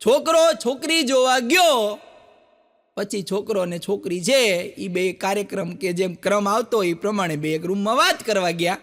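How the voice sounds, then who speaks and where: A man's voice: normal speed, in a large hall. A man telling folk jokes on stage, acting out each character in his stories. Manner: animated storyteller, acts out quoted characters with jumps in pitch. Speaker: stand-up joke teller. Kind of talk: Gujarati folk joke telling to a live audience. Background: audience laughter.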